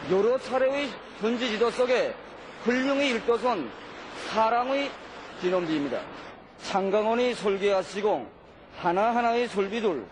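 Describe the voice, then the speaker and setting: A man's voice: sits high, noisy background. A man with a North Korean accent delivering a solemn, reverent prepared statement as an interviewed official. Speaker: facility official being interviewed.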